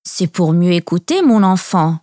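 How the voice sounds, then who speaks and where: A woman's voice: lowish voice, sing-song, moderate pace, warm tone, no room sound, studio quality. A woman voicing a cunning male wolf in a storybook reading, speaking in a sly, coaxing way.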